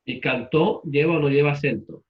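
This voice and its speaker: A man's voice: a little high, moderate pace. Male teacher, classroom lesson, patient, asks and repeats, muffled lo-fi recording. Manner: patient, repeats answers back and asks questions. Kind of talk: classroom lesson with questions to students.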